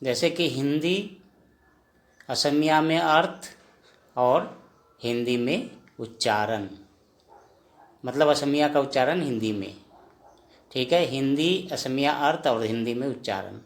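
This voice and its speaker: A male teacher takes learners through a vocabulary list at an unhurried crawl. He says every word two or three times. His voice sits at an ordinary middle pitch. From India. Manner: slow, repeats each word several times. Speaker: language teacher. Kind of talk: slow spoken vocabulary lesson.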